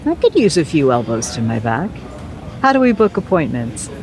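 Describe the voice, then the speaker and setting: An actress playing a cheeky mother in her sixties, wry and lively. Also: sits low, normal speed. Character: cheeky newly retired mother.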